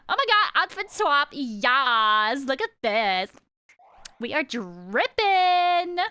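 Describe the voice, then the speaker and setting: Woman streamer, 30s, high bright voice, campy valley girl chatter, dry close sound. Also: smooth, dry recording. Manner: exaggerated valley girl slang put on; playful, self-mocking. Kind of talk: casual livestream chat.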